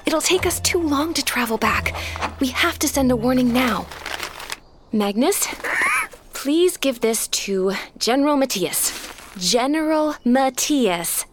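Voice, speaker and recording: A woman's voice: sits high, measured pace, noisy background. Anna, an eager young queen. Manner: excited, urgent. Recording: studio audio drama with music.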